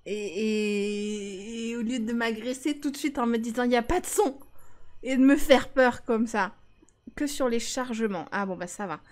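A woman's voice: on the high side, normal speed. A woman streaming a life-sim game, chatting casually and teasing her viewers. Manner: chatty, teasing, talks back to chat.

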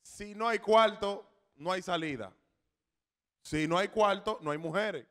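Casual man telling stories, high voice. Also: a little slow, a bit bright. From Dominican Republic.

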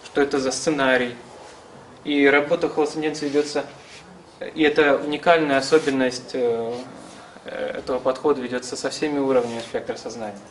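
Fairly quick and fairly even in intonation, his medium-pitched voice explains things haltingly as he lectures informally and answers questions. The man, in his thirties, is in a small indoor seminar room resembling a classroom. Faint room noise is audible because the camera recording him sits several metres away.

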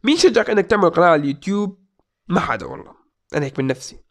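A man's voice: fairly high pitch, expressive, racing, creaky. A man in his twenties in a small room, reading viewer questions aloud and answering them in a playful, joking way. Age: 20s. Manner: joking, playful, reads out comments. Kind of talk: casual Q&A vlog. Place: small indoor room at a desk.

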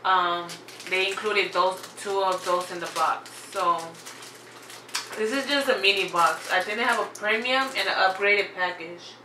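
A woman's voice: medium pitch, unhurried, noisy background. A woman chatting casually in a snack unboxing vlog, full of "like" and "y'all" fillers. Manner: chatty, filler-heavy, says "like" and "y'all" often. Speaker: vlogger reviewing snacks. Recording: echoey room, off-mic.

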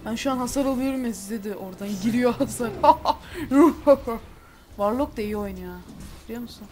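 A woman's voice: on the high side, normal speed, darkish tone, soft background music. A young woman chatting casually while playing a game, playful and giggly, tossing in English exclamations. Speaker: gamer. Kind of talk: casual gameplay chat.

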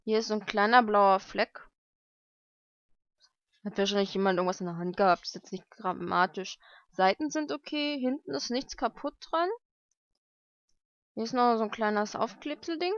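The vlogger, a young woman, unpacks books that came by mail, chatting informally and thinking out loud indoors at home in a lived-in room. She speaks at normal speed in a mid-range voice with long pauses and no room sound, though the home recording is dull and lo-fi.

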